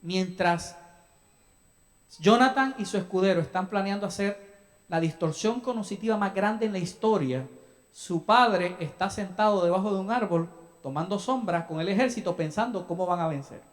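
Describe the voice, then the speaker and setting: A man's voice: sits high, normal speed. A young man from El Salvador preaching a sermon as a pastor in a church, talking to the congregation with questions and acted-out asides. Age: young adult. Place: church sanctuary.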